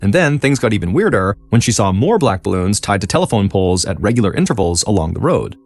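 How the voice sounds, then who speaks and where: Male podcast narrator, lowish voice with lots of pitch movement; dramatic, scripted storytelling. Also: fast talker. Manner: dramatic storytelling, lively intonation. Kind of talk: scripted true-crime narration. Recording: faint music behind.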